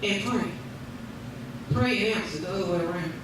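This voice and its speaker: A woman's voice: medium pitch, normal speed. A woman preaching a revival sermon in declarative, repeated phrases, punctuated with praise. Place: large indoor room at a church service. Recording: echoey church hall, distant mic, noisy.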